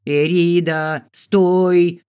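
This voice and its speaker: A man voicing a stern, furious middle-aged madam who yells orders in a shrill, drawn-out way. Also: fairly even intonation. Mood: commanding.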